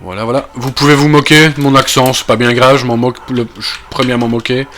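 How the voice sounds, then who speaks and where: A man's voice: mid-range voice, steady tone, fast talker, fairly bright tone, slight background noise. A man from Belgium with a Belgian French accent, getting over a cold, talking through a video game in casual commentary full of fillers and trailing asides. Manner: thinking aloud, many fillers and trailing asides. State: recovering from a cold. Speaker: gaming video creator.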